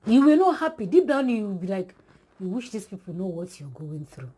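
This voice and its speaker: A woman preaches an emphatic exhortation, speaking straight to her listeners and repeating her points for weight. Her voice is mellow and warm, with a husky edge. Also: medium pitch, big pitch swings, a little fast.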